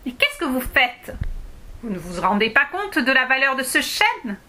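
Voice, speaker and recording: A woman puts on a gruff, scolding little dwarf man in a storybook tale. His voice sits high and bright, pushed forward with force. A faint rumble hums underneath. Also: animated, measured pace, full character voice. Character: grumpy tiny male dwarf woodcarver.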